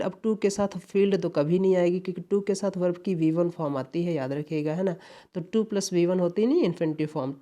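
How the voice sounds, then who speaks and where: A woman teaching English grammar for a competitive exam. She mixes Hindi and English, often repeats reminders to pay attention, and reads the example sentences slowly. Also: lowish voice, dark tone. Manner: repetitive, drills key points with "dhyan dijiyega". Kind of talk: exam-prep grammar lesson.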